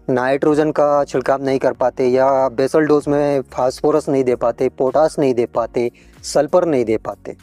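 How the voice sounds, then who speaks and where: A man's voice: a little high, warm tone, no room sound. A man hosting a farming advice channel, explaining crop care to farmers in a friendly tutorial way, often addressing them as friends.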